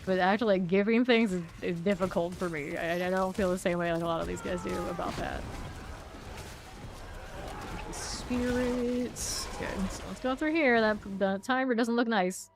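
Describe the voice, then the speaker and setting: A woman's voice: medium pitch, normal speed, hardly any pauses, background noise. A woman streaming a game, chatting casually and rambling to her viewers as she plays. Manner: chatty, rambling, talks to chat. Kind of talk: casual gameplay chat.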